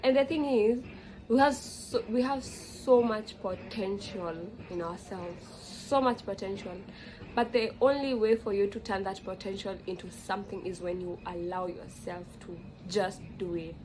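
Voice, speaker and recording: In a rough recording with slight background noise, a young vlogger with a Kenyan accent muses casually and reflectively. She rambles, filling pauses and restarting or correcting herself often. Her mid-range voice has a darkish tone and moves at a moderate pace.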